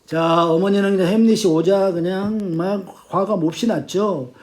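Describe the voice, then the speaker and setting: A man teaching literature, retelling a play's plot in animated storytelling and acting out the quotes. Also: sits high, normal speed.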